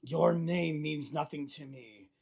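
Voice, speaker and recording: Here is a game master playing a menacing one-eyed monster guarding its lair in a tabletop fantasy game. It speaks in a raspy, imperious voice and threatens intruders. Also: mid-range voice, slow pace, a little mellow. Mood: dismissive threat.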